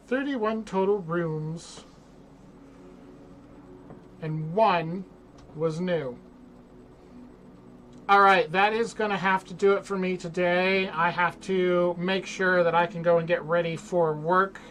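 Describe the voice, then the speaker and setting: A woman's voice: on the low side, slow, long pauses, a little hiss or hum. A woman giving casual commentary as she streams a game.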